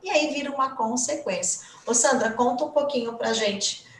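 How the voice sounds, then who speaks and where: A woman's voice: a little high, moderate pace, slight background noise. A woman English teacher hosting a live stream, talking in an enthusiastic, encouraging way. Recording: echoey room, voice a bit far from the mic.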